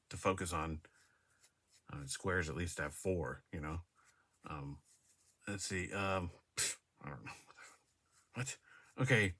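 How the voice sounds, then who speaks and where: A man with a very low but bright, edgy voice talks slowly to his device's camera from a room indoors. He rambles, hesitates and restarts with plenty of fillers. He often laughs at himself as he goes. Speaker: vlogger. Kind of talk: casual monologue to camera. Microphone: device camera mic.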